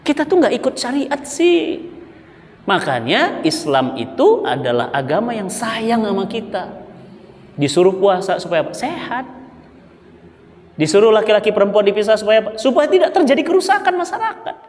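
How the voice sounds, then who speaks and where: A man with a Sundanese accent delivers a mosque sermon in a notably high voice. He preaches with animated emphasis and keeps calling out to the women in the crowd. A long hall reverb trails after his words. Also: normal speed. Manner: animated, emphatic, often addressing the women in the audience.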